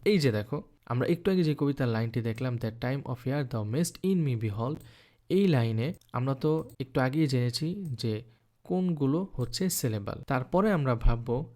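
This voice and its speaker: A man's voice: mid-range voice, a little mellow. Patient male teacher breaking down syllables. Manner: patient, explains step by step, often asks then answers his own questions; slows down to sound out words syllable by syllable. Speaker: English teacher. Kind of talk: online lecture explaining poetry scansion. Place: recording for an online course.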